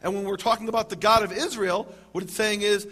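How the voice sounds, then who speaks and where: A man lecturing a live audience on scripture, with dry humor, slowing down to stress key words. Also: high-pitched, fairly even intonation, pushed and bright.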